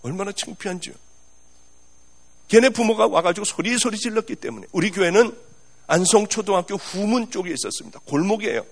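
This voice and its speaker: A man's voice: sits high, a little fast, creaky. A male pastor telling a personal story in a sermon, earnest and acting out remembered dialogue.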